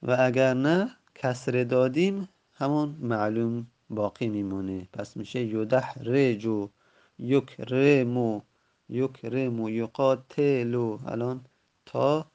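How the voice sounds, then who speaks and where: Guy teaching grammar, gravelly voice, goes over word forms again and again. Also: medium pitch, darkish tone, dull audio. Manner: patient, repeats and spells out word forms slowly. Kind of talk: recorded lesson explaining a textbook.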